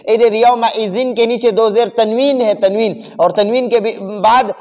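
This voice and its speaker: A man from Pakistan teaching a Quran recitation lesson, explaining pronunciation rules and then chanting verses slowly. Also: high-pitched, steady tone, a little mellow. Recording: long reverb.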